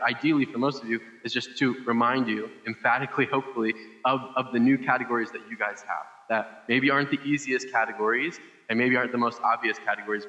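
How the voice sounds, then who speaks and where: A male pastor gives a relaxed, conversational sermon, his voice bright and forward. He talks loosely, with plenty of fillers and restarts. The microphone sound is a little dull and rings with long reverb from a large hall. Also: mid-range voice. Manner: chatty, with many fillers and restarts. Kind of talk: casual sermon. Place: church service.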